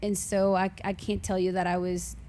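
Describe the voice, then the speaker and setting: A woman in her forties from Honduras, a native Spanish speaker, chatting warmly as a guest and often laughing as she shares her testimony. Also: mid-range voice, little pitch movement, normal speed, a little hiss or hum. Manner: warm, chatty, laughs often between sentences. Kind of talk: casual faith testimony.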